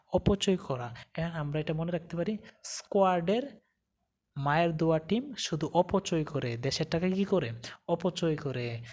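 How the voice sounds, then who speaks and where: This woman's vocabulary lesson uses memory tricks, and she both asks and answers her own questions. Her voice is low-pitched with a darkish tone.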